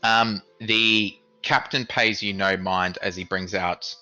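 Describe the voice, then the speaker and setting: Bright-voiced man running a tabletop game. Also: lowish voice, fairly even intonation, lo-fi sound, faint music behind. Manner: casual, halting narration. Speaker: game master.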